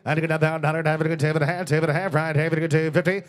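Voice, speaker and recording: A man calls a live auction at a very quick pace in a slightly high voice. His chant loops short filler phrases and numbers over and over. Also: flat delivery, smooth. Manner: rapid-fire repeated filler phrases and numbers.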